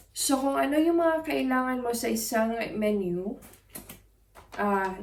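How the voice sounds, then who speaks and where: A woman's voice: medium pitch, creaky, noisy background. A woman vlogger chatting casually as she unboxes food, joking about names she can't pronounce. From Philippines. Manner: chatty, self-deprecating, stumbles over food names. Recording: roomy, distant mic, music underneath.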